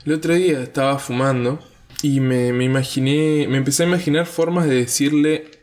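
A young Argentine man with a mid-pitched voice co-hosts a relaxed podcast. He talks playfully, spinning silly, absurd scenarios in a casual, easygoing way. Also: brisk. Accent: Argentine Spanish. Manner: playful, spins absurd stories. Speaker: podcast co-host. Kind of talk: casual chat.

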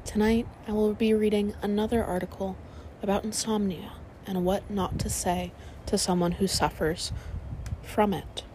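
Calm lady doing sleep story narration, medium pitch, soothing, bit of noise behind her. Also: moderate pace.

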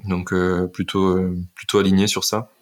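A man's voice: deep voice, completely flat delivery, normal speed. A man hosting a casual podcast interview, rambling with many fillers and restarts. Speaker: podcast host.

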